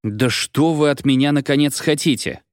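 A man's voice: medium pitch, moderate pace, no echo, voice pushed up, close to an everyday voice. A man reading an audiobook, giving a dry, irritated young man curt, grudging replies. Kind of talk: audiobook character voice.

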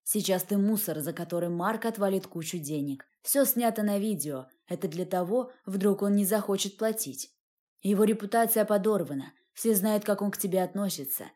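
A woman reading the part of a cold, cruel man who speaks with calm, cutting contempt in an audiobook. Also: medium pitch, normal speed, natural voice. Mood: cold, mocking.

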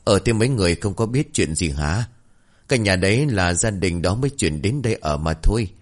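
A man's voice: sits low, animated, a little fast. A man voicing a plump fruit-seller woman speaking in a friendly, chatty way. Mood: gossipy.

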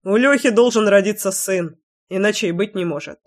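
A woman voicing a blunt, stubborn young village man in an audiobook, gruff and matter-of-fact, teasing at times. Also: mid-range voice, brisk, close to an everyday voice. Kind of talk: audiobook character voice.

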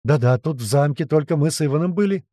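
A man's voice: on the high side, fast, warm tone, no echo, studio quality, natural voice. A man voicing a frightened old male captive who cries out answers in fear in an audiobook.

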